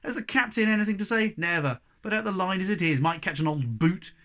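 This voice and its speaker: A man's voice: sits high, a little fast, pushed and bright, voice pushed up. A man reading a storybook aloud, voicing a bossy, self-important young male Snork who talks in a pompous, commanding way. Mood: sarcastic.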